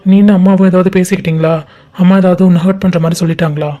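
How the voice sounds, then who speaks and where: A woman voicing a caring young man in a cartoon, who asks questions in a soft, coaxing way. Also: lowish voice, level tone, very fast, dull audio, natural voice. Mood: concerned. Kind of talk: animated cartoon voice acting.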